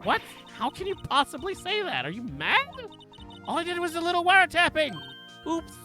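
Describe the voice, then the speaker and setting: Woman doing a high, whiny young woman witness, coy sing-song, bright tone, lively. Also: normal speed, soft background music, exaggerated voice. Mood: snippy. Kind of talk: live game voice-over reading.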